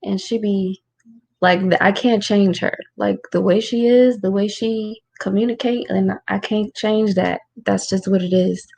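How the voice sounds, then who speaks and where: A woman speaks informally, in a subdued and kept-down voice, leading a casual spiritual Q&A from a room at home. She leans on rhetorical questions and keeps checking in with her listeners, with a pitch in the middle range for a woman. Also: fairly even intonation, a little slow, creaky, darkish tone. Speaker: spiritual teacher hosting a Q&A. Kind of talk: casual livestream talk with Q&A.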